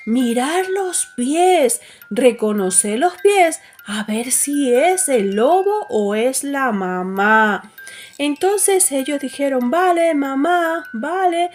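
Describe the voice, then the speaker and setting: High-voiced woman telling a children's story. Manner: slow, gentle, childlike voicing of characters.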